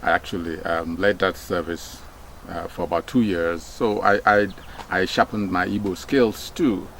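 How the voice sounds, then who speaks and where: Speaking in a low, gravelly, steady voice that's a bit bright, this middle-aged Nigerian former broadcaster reflects casually and without hurry. Nigerian Pidgin is his first language, and he leans on fillers like "um" and "you know," lifting his voice to press a point. Faint insect-filled background noise sits behind him.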